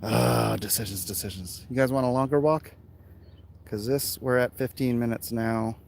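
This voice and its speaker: A man's voice: mid-range voice, steady tone, normal speed, vocal fry, darkish tone. A middle-aged American man rambling casually to viewers, a little out of breath as he walks outdoors, offhand and self-deprecating. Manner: offhand, self-deprecating, talking while exerting himself. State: winded from walking uphill. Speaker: vlogger, artist. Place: outdoors, walking hilly residential streets. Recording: noisy outdoor walking recording with clicks.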